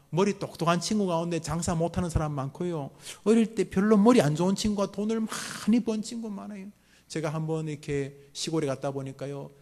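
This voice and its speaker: A middle-aged man, a pastor giving a sermon to a mothers' prayer meeting, joking and acting out scolding parents. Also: a little high. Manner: lively, jokes with the congregation and acts out parents' scolding.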